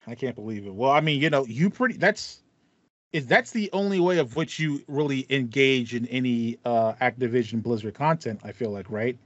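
Over a slightly dull, lo-fi online call, a man talks through a video-call headset from a small indoor room lined with acoustic foam. His medium-pitched voice goes at normal speed with no room sound as he chats casually as a gaming podcast host, sympathetic and mock-indignant.

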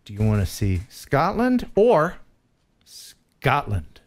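A man's voice: on the high side, normal speed. A man hosting a show, chatting casually and jokily about viewer drone footage. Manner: lively, laughs often, jokey asides. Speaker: show host.

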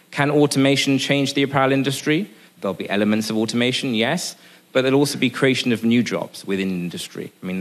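A man from Sri Lanka in his forties giving a conference speech at a lectern microphone, earnest, with many restarts and fillers. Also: medium pitch. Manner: gestures at a lectern. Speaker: business executive speaking at a panel. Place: conference room, indoors.

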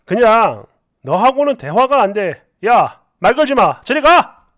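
A scornful, fed-up husband barks and scolds at full volume, as a woman puts him on. The voice sits high and leaps around in pitch. Each line lands as an angry complaint. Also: huge pitch swings, measured pace, no room sound, clean studio sound, full character voice. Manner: loud, exasperated scolding. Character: irritated, scornful adult husband.

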